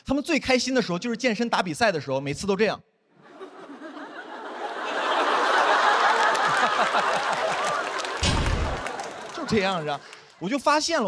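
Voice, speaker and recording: A man's voice: high-pitched, a little hiss or hum. A young man performing a stand-up comedy set on stage, acting out quoted dialogue. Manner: animated, quick-talking, acts out quoted dialogue. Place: comedy stage before a live audience.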